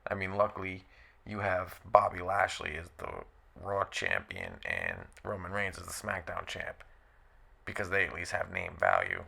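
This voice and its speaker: A man's voice: low-pitched, big pitch swings, moderate pace, vocal fry, bright, forceful tone. A man hosting his own wrestling commentary vlog, delivering a blunt, blustery solo rant that keeps circling back to the same points.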